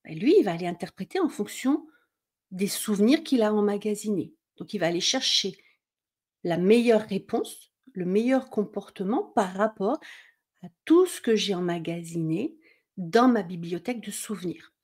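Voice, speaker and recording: A woman's voice: medium pitch, lively intonation, normal speed, darkish tone. A middle-aged woman, a mindset coach, explains in a conversational teaching style, often checking in with "d'accord?" and acting out inner worries.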